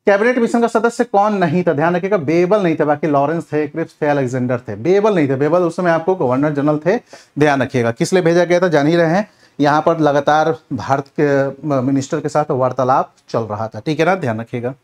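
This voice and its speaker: A man teaching history for competitive exams works through a revision class as questions and answers, speaking directly to students and repeatedly checking in. He has a fairly high, slightly mellow voice and speaks fairly quickly.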